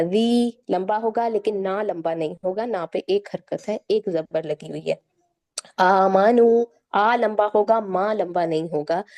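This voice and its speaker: A woman teaching a Quran recitation class, patiently sounding out syllables slowly one by one and checking in with her students. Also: mid-range voice, mellow. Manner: slow, drawn-out syllable-by-syllable demonstration; patient, repeats "theek hai" to check in.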